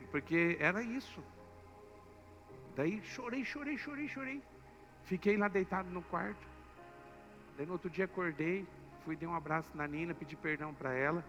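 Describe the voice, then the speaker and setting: Emotional pastor telling a story. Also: male voice, on the high side, highs cut off. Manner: emotional and animated, acting out the story. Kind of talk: sermon storytelling. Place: church. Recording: echoey church hall with soft music.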